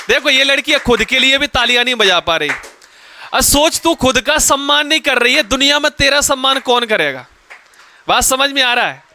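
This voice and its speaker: A man teaching a classroom grammar lesson, firing questions at the students and pushing them to answer loudly. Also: very high-pitched.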